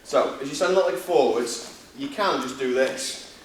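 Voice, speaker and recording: A man with a Yorkshire accent coaching a martial arts seminar, talking through demonstrations step by step in an informal, blokey way with quick checking questions. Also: mid-range voice. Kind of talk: hands-on demonstration teaching with casual banter. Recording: echoey room, distant mic, faint noise.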